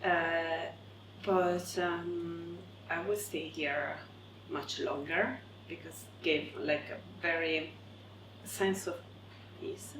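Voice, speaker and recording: A woman answering interview questions hesitantly, with many pauses and fillers. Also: on the low side, fairly even intonation. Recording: echoey room with loud background noise.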